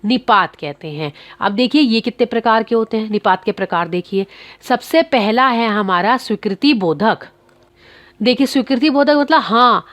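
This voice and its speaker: A woman with a slightly high voice teaches grammar to schoolchildren. She is patient and keeps posing questions, then answering them herself. The sound is dry and close, with no room around her. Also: a bit bright, no room sound.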